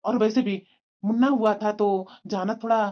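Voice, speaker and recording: A woman voicing a smooth-talking, cheating young husband in a cartoon, coaxing and evasive, full of fillers. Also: medium pitch, steady tone, moderate pace, dull audio, close to an everyday voice. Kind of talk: cartoon voice acting.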